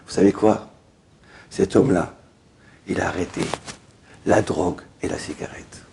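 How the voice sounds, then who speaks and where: A middle-aged rabbi giving a sermon, telling a lively story and acting out the dialogue. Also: male voice, low voice, moderate pace, gravelly, a little hiss or hum.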